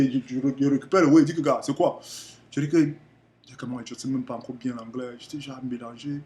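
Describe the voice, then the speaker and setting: A young man from Cameroon with a Cameroonian French accent, telling a rambling, animated story to camera in a casual vlog. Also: mid-range voice. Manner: rambling, animated, repeats himself often. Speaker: vlogger.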